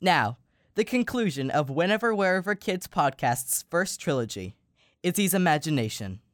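A man co-hosting a podcast and reading a children's story aloud, slowing down for emphasis. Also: a little high, very animated, dry recording. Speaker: podcast co-host and story reader. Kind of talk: storybook narration.

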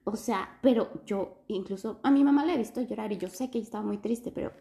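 A young woman from Quito with an Ecuadorian Spanish accent, telling a story in casual chat with animated bursts of laughter. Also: mid-range voice, fast, creaky. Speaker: guest telling her story.

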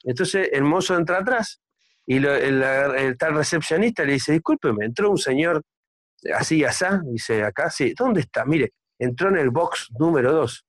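A man with an Argentine accent telling crude jokes in a casual chat, acting out the characters with shouted lines and asides. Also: on the high side, moderate pace, no room sound. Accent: Argentine Spanish. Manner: animated, acts out joke characters with shouting and asides.

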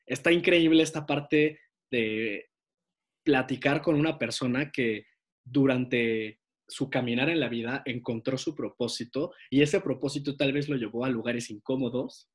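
A man's voice: mid-range voice, breathy edge. A man hosting an interview podcast, praising his guest and asking open questions. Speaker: podcast host.

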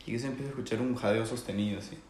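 A man's voice: on the low side, racing, a little mellow, slight background noise. A young man telling a crude story on a casual podcast, laughing a lot and using crude slang. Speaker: podcast co-host. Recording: echoey room.

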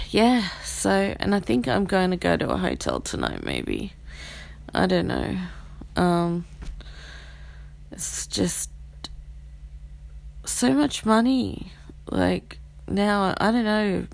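A woman with vocal fry hosting a casual solo podcast, cranky and rambling, often scolding a dog sharply. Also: fairly low pitch, a little mellow. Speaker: podcast host. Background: a dog whining and barking.

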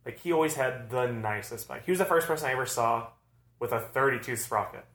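A man's voice: mid-range voice, brisk, fairly bright tone. A man in his thirties from Arizona, co-hosting a casual chat and telling loose, rambling stories about riding. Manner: rambling storyteller, loose and laid-back. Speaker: podcast co-host, BMX rider. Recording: echoey room.

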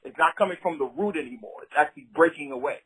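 A man with a Brooklyn accent and a husky voice, a rapper talking casually in an interview in slangy, streetwise, emphatic phrases. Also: fairly high pitch, fast, fairly bright tone, low-quality recording. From Brooklyn, New York City.

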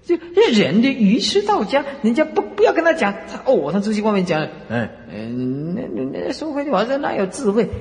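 Animated high-voiced monk, echoing hall. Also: male voice, a little fast, few pauses. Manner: animated, emphatic, rhetorical questions. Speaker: Buddhist monk lecturing. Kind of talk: dharma lecture.

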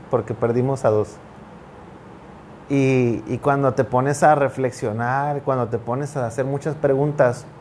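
Earnest man with halting speech. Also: medium pitch, a little mellow, slight background noise. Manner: earnest, halting with frequent restarts. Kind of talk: reflective conversation.

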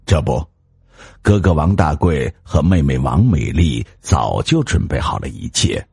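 Male storyteller, very deep, gravelly and husky, dramatic scripted narration with lively pitch. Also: unhurried, dry recording, studio quality. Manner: expressive, dramatic.

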